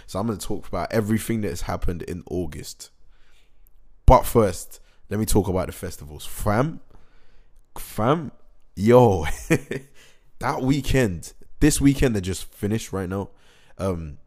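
A young man recapping his month in a rambling, excitable vlog, slightly hoarse from a cold. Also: fairly low pitch, a little slow. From England. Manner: excitable, rambling, slangy, many fillers and restarts. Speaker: musician.

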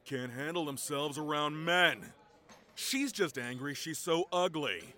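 An arrogant, sexist pickup artist, played by a man, sneering and insulting. His voice is bright and sharp, with wide swings in pitch. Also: lively intonation, unhurried. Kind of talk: fiction podcast drama.

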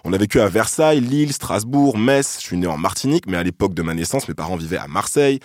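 A man from France hosting a podcast, telling a personal story in a reflective, thoughtful way with soft hesitations. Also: lowish voice, animated, quick pace, soft background music. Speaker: podcast host.

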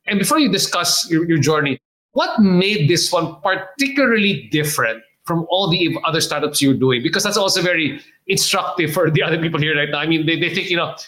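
Filipino guy hosting a podcast, bright voice, rambly and friendly. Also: a little high, expressive, fairly quick. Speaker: podcast host. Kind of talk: casual interview chat.

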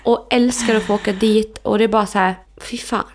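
A woman co-hosting a podcast, chatting casually and acting out quoted conversations as she tells stories. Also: fairly high pitch. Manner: animated storytelling, acts out quoted dialogue. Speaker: podcast co-host. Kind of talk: casual chat.

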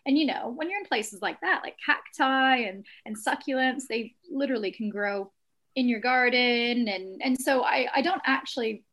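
A woman's voice: on the high side, normal speed, a bit bright. Chatty woman with a blended Texan-British accent. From Texas. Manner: chatty and reflective, with many "like" and "you know" fillers. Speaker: guest, cactus shop owner. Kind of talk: casual interview chat.

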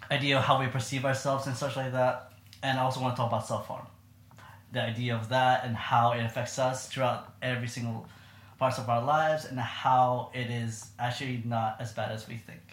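A man's voice: medium pitch, flat delivery, brisk, fairly bright tone. A young man hosting a podcast, talking casually in a rambling way with lots of fillers and laughs. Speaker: podcast host. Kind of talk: casual chat. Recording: echoey room.

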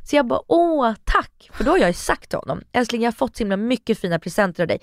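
A woman's voice: no room sound, studio quality. A woman in her thirties co-hosting a casual podcast, telling stories vividly and acting out what people said. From Sweden. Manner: animated storytelling, acting out quotes with big pitch jumps. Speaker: podcast co-host. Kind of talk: casual chat.

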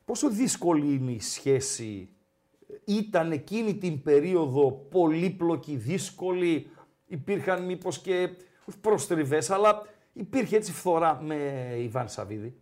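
Animated high-voiced male sports host. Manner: animated, teasing storyteller. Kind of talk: casual sports chat.

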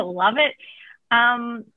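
This oral health therapist has a fairly high, very animated voice and draws out her words as she chats through interview questions on a remote call. She laughs often and fills her answers with fillers. The line sounds tinny and dry, with no echo and faint music in the background.

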